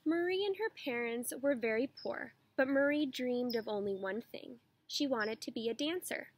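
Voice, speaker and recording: A woman teacher reading a children's picture book aloud in a clear, expressive way. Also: a little high, moderate pace.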